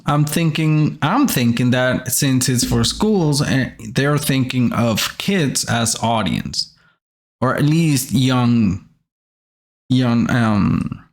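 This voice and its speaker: A man hosting casual reaction commentary on commercials, halting as he searches for words. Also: medium pitch. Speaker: host reviewing commercials.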